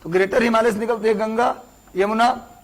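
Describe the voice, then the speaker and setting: A man's voice: sits high, steady tone, brisk, rough recording. A young man, teaching a class, repeating words for dictation and asking the students questions. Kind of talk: classroom lecture.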